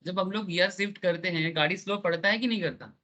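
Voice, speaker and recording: A man's voice: high voice, fast talker, pushed and bright, lo-fi sound. A man teaching an online class, explaining with everyday analogies and checking in with his students.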